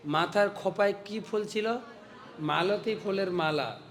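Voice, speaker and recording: A monk delivering a storytelling sermon, animated and dramatic, acting out the voices in the story. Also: male voice, sits high, a little slow, a little hiss or hum.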